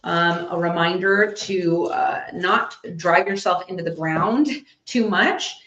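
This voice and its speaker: A woman working as a psychic medium, giving a live reading to an audience and thinking out loud as she passes on messages. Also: lowish voice, slow, slight background noise. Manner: chatty, thinks out loud while relaying messages. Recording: echoey, slightly dull recording.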